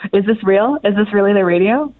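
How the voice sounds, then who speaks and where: A woman's voice: medium pitch, no room sound. A woman heard over a phone line on speakerphone, speaking in a hesitant, guarded way as she takes a call from a radio show.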